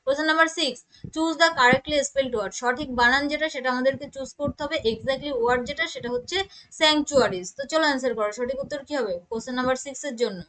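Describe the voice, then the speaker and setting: A young woman with a Bengali accent teaching an exam-prep English class. Her voice sits high and rings bright. She reads each English option out slowly, then explains the answer in quicker Bengali. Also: rough recording.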